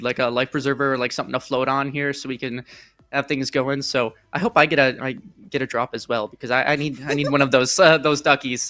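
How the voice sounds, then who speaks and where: Speaking at a medium pitch with a bright, forceful tone, a man hosts and casts an esports broadcast. The live desk talk is loose and wandering, jokey and enthusiastic, and he often pokes fun at himself.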